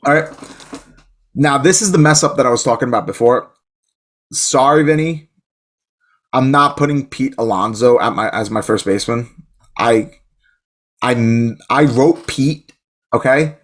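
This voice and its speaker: This is a man chatting casually as a podcast co-host, excitable and rambling, often restarting his sentences. His pitch sits in an ordinary middle range for a man. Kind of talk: casual chat.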